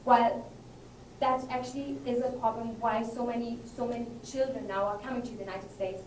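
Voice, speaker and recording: A woman's voice: a little high, fairly even intonation, fairly quick. A young woman from Germany giving an earnest, emphatic student presentation at a conference. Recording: roomy hall, distant mic, faint noise.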